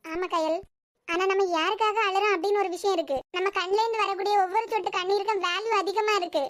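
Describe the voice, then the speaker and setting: A woman's voice: very high-pitched, fairly even intonation, fast. A woman voicing a blunt, protective young friend in a cartoon series, lecturing firmly with a Kanyakumari Tamil accent. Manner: firm, lecturing.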